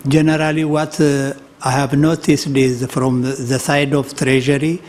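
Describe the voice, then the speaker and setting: A man's voice: mid-range voice, little pitch movement, unhurried. A man from Ethiopia, asking a question from the audience with many hesitant fillers.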